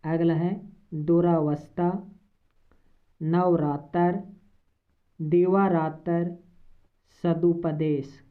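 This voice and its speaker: A woman teaching a Hindi spelling lesson for exam prep, slowly reading out options and repeating each word. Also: fairly low pitch, level tone. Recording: tinny phone-like audio.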